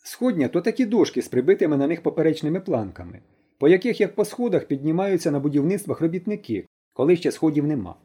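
Man reading an audiobook, husky voice, lively expressive intonation. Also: on the high side, fast. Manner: expressive storytelling, shifting tone. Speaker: audiobook reader. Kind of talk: audiobook narration.

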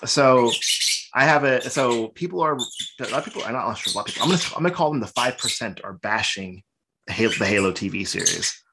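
A man's voice: mid-range voice, expressive, fast, creaky. A man co-hosting a podcast, chatting casually as an eager, rambling fan. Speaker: podcast co-host. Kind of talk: casual chat. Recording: loud background noise with clicks.

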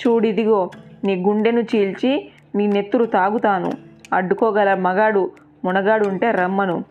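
A woman's voice: medium pitch, steady tone, moderate pace, close to an everyday voice. A woman voicing a furious vengeful warrior. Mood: taunting. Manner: taunting, boastful shouting. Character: furious vengeful male warrior, towering and savage. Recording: tinny phone-like sound with faint music.

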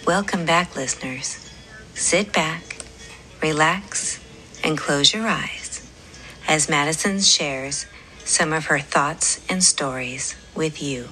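Bright-voiced woman announcing a podcast intro. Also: low voice, slow pace, faint music behind, low-quality recording. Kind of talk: scripted calm intro narration.

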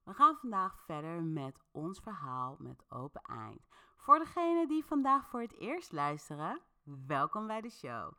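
This podcast host has a lowish voice and a slightly slow delivery. She narrates an interactive tale casually and chattily, talking right to the people listening.

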